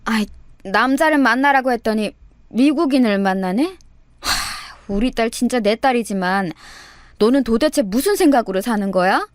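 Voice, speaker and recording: Woman doing an exasperated scolding mother, sighing and raised, pitch swinging high, dry close sound, radio story. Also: expressive, moderate pace, dry recording, close to an everyday voice. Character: exasperated middle-aged Korean mother, scolding.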